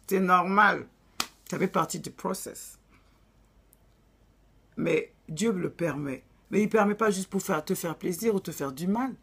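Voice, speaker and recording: A woman's voice: lowish voice, slightly rough. A woman with an African accent giving blunt, preachy relationship advice in a casual vlog, dropping in English phrases.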